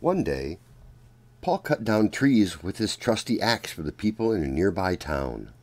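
A male narrator reads a children's storybook aloud, taking his time and speaking deliberately while his pitch rises and falls in lively swings.

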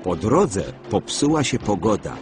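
A man giving scripted, expressive storybook narration for a children's cartoon. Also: lowish voice, unhurried. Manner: expressive, animated reading. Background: background music.

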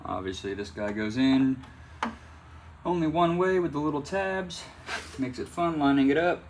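A man's voice: fairly high pitch, animated, normal speed, a little hiss or hum. A young man chatting casually while unboxing and setting up a welder in his garage workshop. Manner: chatty, loose, talks while working with his hands. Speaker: welding hobbyist vlogger. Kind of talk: casual unboxing and how-to talk. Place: garage workshop with concrete floor. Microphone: phone camera held or propped nearby.

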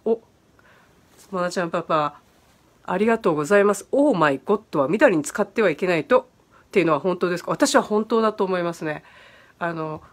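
A woman's voice: on the low side, quick pace. A woman hosting a casual livestream, reading viewer comments aloud and answering their questions in a friendly, chatty way. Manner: friendly and chatty, many fillers, answers questions on English pronunciation. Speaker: host of an online virtual bar stream.

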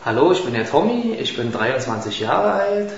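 A man in his twenties giving a halting, rehearsed self-introduction at a casting interview, in a small room on a handheld mic. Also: medium pitch, very animated. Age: 20s. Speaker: model contestant. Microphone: handheld mic held by interviewer. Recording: echoey room, slightly dull, faint hiss.

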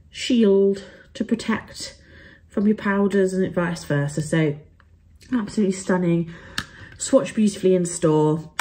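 A young woman vlogs about travel and beauty, chatting casually to camera about a haul. Her voice is lowish and warm, and she sounds upbeat, with lots of fillers.

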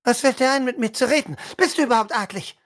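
Woman doing a stuck-up young noble lady, bossy and scolding, pitched way up from her own voice. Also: fast, natural voice. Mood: haughty. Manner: arrogant, scolding, commanding. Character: haughty young noble lady, cruel and snobbish.

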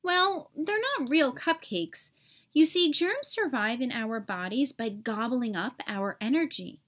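A woman with a slightly high voice reads a children's storybook aloud, expressive and deliberate, adding dramatic emphasis.

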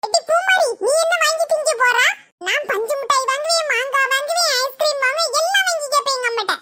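A woman voicing a cheeky, greedy little village girl in a cartoon, with a squeaky child voice, a Kanyakumari Tamil accent and a whiny, teasing way of talking. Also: fast, heavy background noise. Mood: excited.

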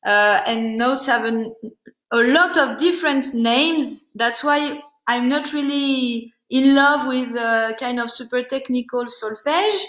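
A woman's voice: a little high, a bit bright, reverberant, poor audio. Woman teaching singing. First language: French. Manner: halting, searching for words, demonstrates with sung syllables. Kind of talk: online singing workshop.

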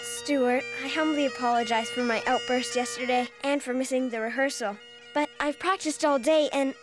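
A woman's voice: high voice, steady tone, normal speed, lightly acted. A woman voicing a dreamy, dramatic young girl in a cartoon, earnest and flowery in her wording. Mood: polite, proud. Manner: flowery, formal, theatrical wording. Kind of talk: animated series voice acting. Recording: music behind the voice.

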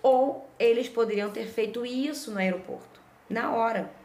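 A woman's voice: a little high, normal speed, reverberant. Chatty Brazilian mother telling a story. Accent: Brazilian Portuguese. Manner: chatty, lively, frequent "né?" tag questions. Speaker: vlogger. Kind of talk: casual storytelling vlog.

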